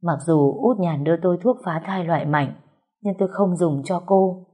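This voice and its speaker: A spiteful, vengeful woman rival, put on by a storyteller. The voice sits low and dark with a husky, breathy edge, and it comes across bitter and halting. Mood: remorseful. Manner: spiteful, then remorseful and halting.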